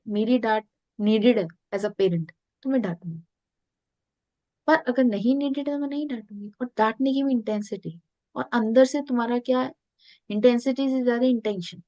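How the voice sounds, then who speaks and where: A woman's voice: a little high, a little mellow, no room sound, dull audio. A woman spiritual coach telling stories in a podcast interview, earnest, mixing English phrases into her talk.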